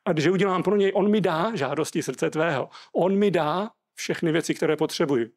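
A man's voice: a little high, darkish tone. A Czech man preaching a sermon, reading scripture aloud and explaining it earnestly.

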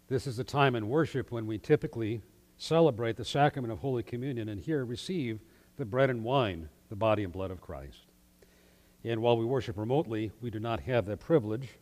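A man, a pastor, leading worship in measured, solemn liturgical recitation, his voice ringing with a long cathedral-like echo. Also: on the low side, darkish tone. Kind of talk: leading liturgy in a remotely streamed worship service.

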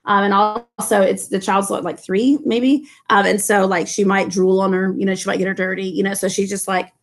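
Reading a novel to her students at a normal pace and in a flat manner, a middle-aged woman who teaches high school English keeps stopping for chatty tangents laced with "like" and "you know." Her laptop webcam captures her from below in a classroom with a low ceiling and fluorescent lights.

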